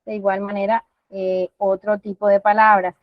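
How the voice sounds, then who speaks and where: A woman speech therapist giving a patient, teacherly explanation of language exercises, sounding out words slowly as if for a child. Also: mid-range voice, little pitch movement, no room sound, dull audio.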